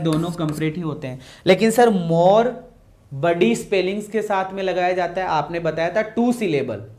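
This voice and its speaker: A man teaching English grammar in a classroom lecture, repeating key phrases and quizzing his students. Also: sits high.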